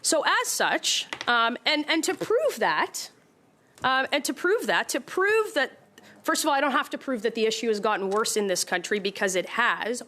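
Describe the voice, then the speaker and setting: A woman member of parliament arguing her point in a committee hearing, halting and repeating herself but insistent. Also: a little high, a bit bright. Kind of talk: committee debate.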